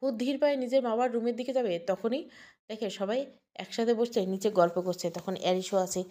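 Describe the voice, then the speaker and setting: Woman narrator for an emotional audio story, mellow and warm. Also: on the high side, fairly even intonation, brisk.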